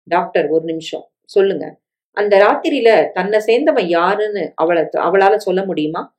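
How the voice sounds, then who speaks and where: A man's voice: sits high, measured pace. A woman voicing an earnest male employer who asks questions, in a storybook reading.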